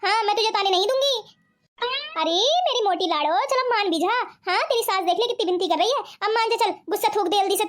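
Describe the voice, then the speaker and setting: औरत की आवाज़ में मनाती हुई सास. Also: female voice, very high-pitched, quick pace. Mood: coaxing. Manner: coaxing, pleading. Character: pleading, sweet-talking mother-in-law.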